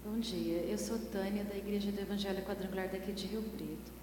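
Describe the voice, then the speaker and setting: A woman in the audience asks the speaker a question, polite and a little hesitant. Her voice rings through a large church hall. A steady hum is clearly heard behind her. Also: mid-range voice, brisk. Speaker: audience member asking a question. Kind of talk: asking a question from the floor.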